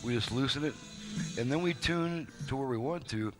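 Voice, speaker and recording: Here a man with a medium-pitched voice talks at normal speed, music in the background. He's a folksy radio repair technician casually demonstrating a product step by step, unscripted and off the cuff, with radio audio playing behind.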